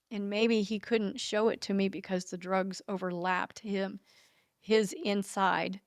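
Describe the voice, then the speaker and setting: A woman with a mid-pitched voice hosts a podcast conversation and tells personal stories in a heartfelt, emotional way. The recording is dry and close, with no room sound. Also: no echo. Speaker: podcast host.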